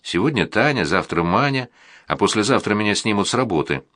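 A man reading aloud, voicing an angry, domineering hospital department chief who shouts. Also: lowish voice, animated, fairly quick, no echo, studio quality. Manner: stern, shouting.

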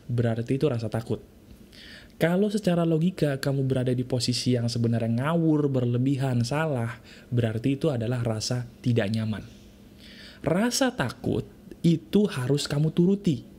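A man's voice: mid-range voice, mellow, breathy edge. A man giving a motivational monologue, lecturing the listener, repeating his points and asking rhetorical questions, mixing formal speech with casual slang. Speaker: motivational speaker.

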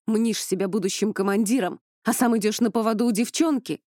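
A woman reading an audiobook voices a stern male commander who berates his recruits in a gruff, lowered voice. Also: fairly quick, a little mellow, dry recording, clean studio sound, close to an everyday voice. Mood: angry scolding.

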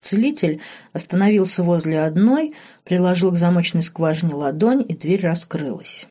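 A woman narrating a fantasy novel audiobook in a steady storytelling manner. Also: fairly low pitch, moderate pace. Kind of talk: scripted narration.

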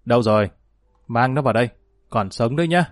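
A man's voice: medium pitch, lively intonation, brisk, no echo, close to an everyday voice. A man voicing a sly, cruel male gang boss who taunts with false politeness, recorded dry. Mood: smug taunting.

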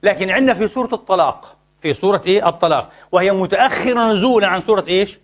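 Male religious law teacher, high voice, quick delivery, quizzes the room. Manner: animated, asks the audience to finish his sentences. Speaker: Islamic jurisprudence teacher. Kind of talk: lecture with call-and-response questions.

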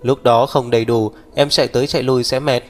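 A man's voice: medium pitch, steady tone, a little fast, lightly acted. A man as a reserved, sickly young man. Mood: calm. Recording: long reverb, faint background music.

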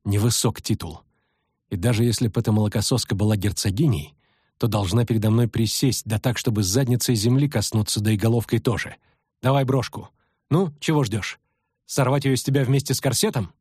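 A man voicing a cold young woman warrior who speaks quietly and contemptuously, husky-voiced. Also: lowish voice, fairly quick, dry recording, studio quality. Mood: hissing.

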